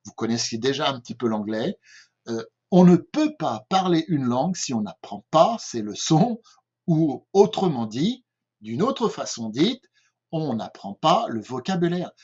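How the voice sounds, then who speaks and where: A man's voice: medium pitch, sing-song, unhurried, darkish tone, slightly rough. An older man from France with a French accent, giving a patient home-made language lesson and often checking in with his listeners. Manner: patient, repeats himself, often checks with "d'accord?". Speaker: English teacher. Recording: dull lo-fi recording.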